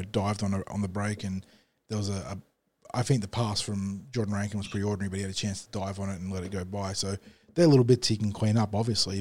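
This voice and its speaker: A man's voice: on the low side, darkish tone. A man co-hosting a podcast, analysing a match in long, fluent runs. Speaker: podcast co-host. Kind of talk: casual sports analysis.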